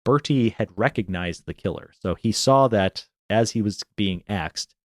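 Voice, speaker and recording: A man's voice: lowish voice, a little slow, dry recording, studio quality. A man co-hosting a podcast, recapping a film in casual chat and laughing often as he tells the story. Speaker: podcast co-host.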